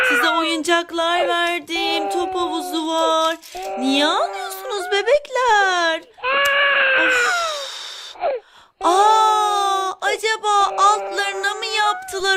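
A woman's voice: very high-pitched, very noisy. A woman narrating a toy play video, talking to baby dolls in a fussing, motherly, sing-song way.

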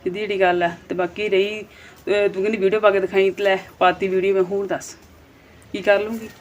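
Brisk and flat, a medium-pitched woman talks to her vlog viewers casually and bluntly, scolding them as she goes. The vlogger is in her thirties, from Punjab, and has a Punjabi accent.

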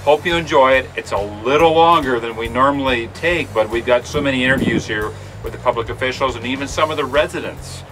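A man's voice: medium pitch, a little fast, few pauses, poor audio. Chatty middle-aged American man with music behind. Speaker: host. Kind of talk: casual, enthusiastic presenting.

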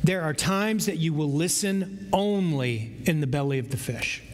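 Slow, emphatic man preaching in a hall. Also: fairly high pitch. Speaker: pastor. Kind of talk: sermon. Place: large church sanctuary with stage. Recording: long hall reverb, faint room noise.

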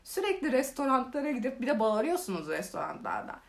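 A young woman casually telling funny stories in a vlog, animated and exaggerated. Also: a little high, quick pace, creaky. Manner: animated, exaggerated retelling with laughs. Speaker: vlogger. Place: living in Korea.

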